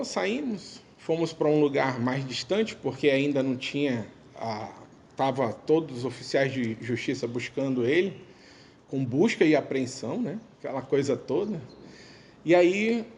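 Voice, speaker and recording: A man recounting a family story as a spoken testimony in a temple, conversational, pausing and restarting as he quotes his relatives. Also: fairly high pitch, darkish tone, slight background noise.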